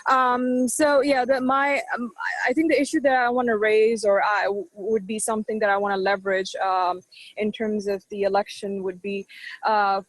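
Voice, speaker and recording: A woman's voice: mid-range voice, little pitch movement, moderate pace, no room sound, rough recording. A woman joining a group discussion over a video call, hesitant and full of fillers, her audio cutting in and out so the volume rises and drops. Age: young adult or middle-aged. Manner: hesitant, many fillers and restarts. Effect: uneven volume, audio cutting in and out. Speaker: panel participant.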